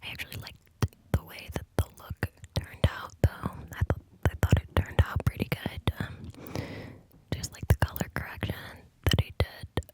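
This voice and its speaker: A woman whispering a rambling, hesitant ASMR monologue in a breathy cupped-hand whisper, very close to studio microphones. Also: normal speed. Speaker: ASMR video host. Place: home studio room. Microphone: studio condenser mics with foam cover, very close.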